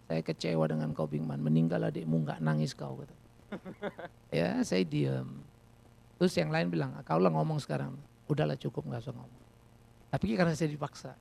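A middle-aged man preaching a sermon as a pastor, telling personal stories in a lively, animated way. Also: a little high. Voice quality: gravelly.

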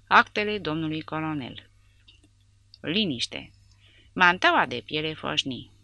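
Low, bright-toned woman reading a war novel. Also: no echo. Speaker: audiobook narrator. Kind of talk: scripted narration.

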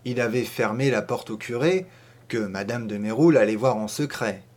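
A man narrating a classic short story as an audiobook, in a measured, expressive literary reading. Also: mid-range voice.

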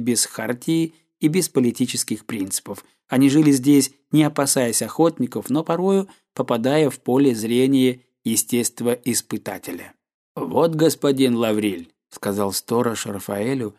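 A man narrating a classic novel as an audiobook, in a measured, even storytelling manner. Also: mid-range voice. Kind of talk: scripted literary narration.

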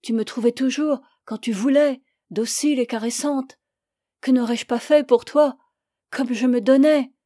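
A woman's voice: high voice, measured pace, warm tone, no echo, clean studio sound, voice pushed up. A woman reading an anguished, reproachful lover. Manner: impassioned, reproachful. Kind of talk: audiobook reading.

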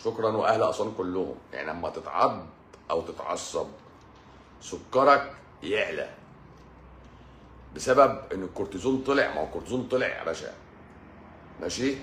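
A man's voice: low-pitched, lively intonation, a little fast, pauses often, fairly bright tone. A man with an Egyptian accent, a doctor giving an informal live-stream health talk, emphatic and repetitive and addressing the listener directly. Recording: roomy echo, faint background noise.

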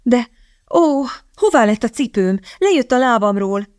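A woman doing a sharp, scheming young heroine. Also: on the high side, lively intonation, no echo, studio quality, voice pushed up, lightly acted. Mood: sharp urgent. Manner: sharp, hissing, urgent.

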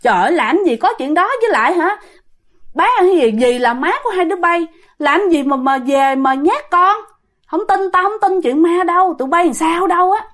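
A woman's voice: extremely high pitch, animated, moderate pace, a bit bright, voice pushed up. A woman voicing a stubborn, skeptical man who scolds in exasperation. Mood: exasperated.

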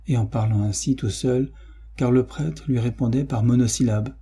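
A man narrating a novel as an audiobook reader, in a measured, even storytelling manner. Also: fairly low pitch, breathy edge. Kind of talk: scripted literary narration.

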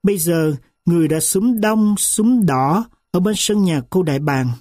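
A male audiobook narrator tells a first-person story in a measured, earnest manner. His voice is mellow and soft-edged. The recording is dry and close, with no room sound. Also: high voice, no room sound.

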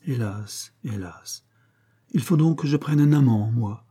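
A man's voice: mid-range voice, lively intonation, measured pace, dark tone, slightly rough. A man reading aloud voices a flirtatious, laughing courtesan woman, with a teasing, dramatic delivery. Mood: pleading.

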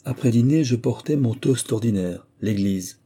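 Husky, dark-voiced male narrator. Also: mid-range voice, normal speed. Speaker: audiobook narrator. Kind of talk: scripted literary narration.

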